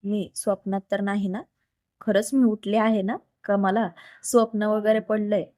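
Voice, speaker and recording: A woman's voice: mid-range voice, little pitch movement, normal speed, no room sound, studio quality, lightly acted. A woman voicing a shy dutiful young wife. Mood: wondering. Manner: gentle, deferential.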